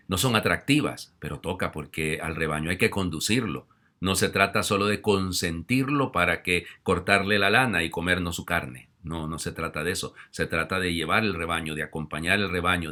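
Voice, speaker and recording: Deep-voiced, bright-toned preaching priest. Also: male voice. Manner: conversational preaching with frequent asides and rhetorical questions; swings between loud emphatic exhortation and soft confiding tones. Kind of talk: homily.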